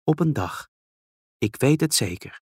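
A man's voice: a little high, animated, a little slow, breathy edge, dry recording, studio quality, voice pushed up. A man murmuring as a lonely swan. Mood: wistful. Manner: quiet murmuring. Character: lonely hopeful male swan.

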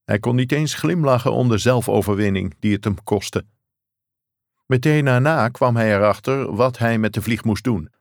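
A man reading a novel aloud as narrator, measured and even. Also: medium pitch, gravelly, no room sound, studio quality. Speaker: audiobook narrator. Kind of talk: scripted narration.

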